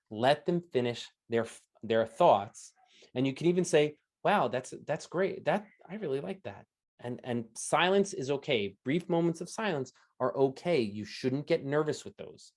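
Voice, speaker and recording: A man giving an energetic online coaching talk, standing as he speaks and often checking in with "right?" and "okay?". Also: mid-range voice. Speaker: interview coach presenting a talk. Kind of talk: lively coaching talk to an audience. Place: indoors at home, standing while presenting.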